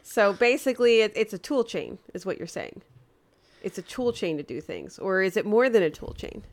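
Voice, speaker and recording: A woman co-hosts a tech podcast with a lively, swooping voice. She makes dry, joking asides, whether she is reading the intro or chatting with guests. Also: medium pitch, normal speed. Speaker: podcast co-host. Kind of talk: scripted intro and casual chat.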